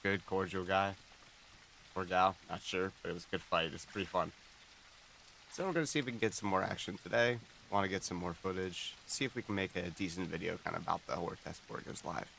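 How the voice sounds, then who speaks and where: A man chatting casually on an early morning game live stream, speaking quietly with a groggy morning voice. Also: deep voice, fairly quick, gravelly, slight background noise, rough recording.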